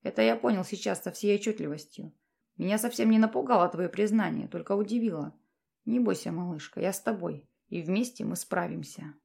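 A woman voicing a low, hushed noble commander. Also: quick pace, creaky. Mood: tender. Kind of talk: audiobook character voice.

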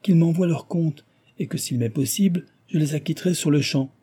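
A man's voice: fairly high pitch, brisk, mellow, breathy edge, pitched above the performer's own voice. A man voicing a young, earnest and compassionate heiress who speaks urgently.

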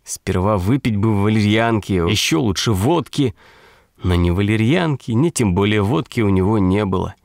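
A man's voice: lowish voice, no echo, clean studio sound. Wry male audiobook reader. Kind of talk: audiobook narration.

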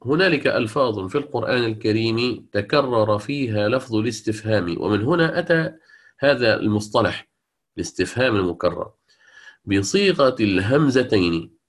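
A middle-aged man giving a lecture on Quranic readings. He explains patiently, repeats key words, keeps checking that students follow, and recites the quoted verses slowly. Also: mid-range voice.

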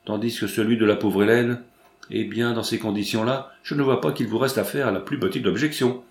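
A man voicing a bold, quick young woman who asks pressing questions, reading audiobook dialogue in a roomy space. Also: on the low side, fairly even intonation, creaky. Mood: eager.

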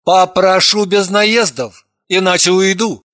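A woman's voice: fairly high pitch, big pitch swings, a little slow, no room sound, studio quality, pitched above the performer's own voice. A woman reading an audiobook, voicing a touchy, defensive young man who answers curtly and sulkily. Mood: angry. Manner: curt, defensive, sulky.

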